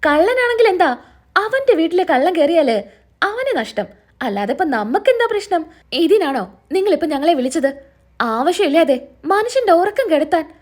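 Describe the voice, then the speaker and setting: A woman's voice: extremely high pitch, big pitch swings, moderate pace, darkish tone. A woman voicing a grumpy middle-aged man annoyed at being woken at night. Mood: irritated. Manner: dismissive and irritated.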